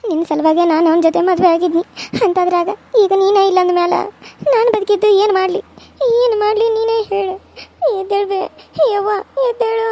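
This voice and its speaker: A tearful young daughter, voiced by a cartoon performer, pleading through sobs. The voice sits very high and turns gravelly and creaky in places. It has the feel of a cartoon serial. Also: fairly even intonation, brisk, a little mellow, slight background noise. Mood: sobbing plea. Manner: pleading, sobbing.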